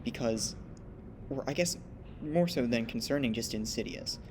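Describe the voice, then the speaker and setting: Male podcast co-host, mid-pitched and reflective; clear background rumble in the recording. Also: expressive, normal speed. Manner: thoughtful, explanatory, many "right?" tags. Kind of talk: casual discussion.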